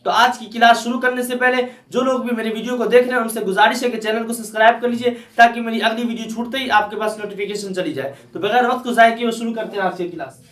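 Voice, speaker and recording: A man teaching a grammar lesson, slowly repeating each example for his students. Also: very high-pitched, steady tone, fairly bright tone. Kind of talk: classroom lesson. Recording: echoey room, mic far off.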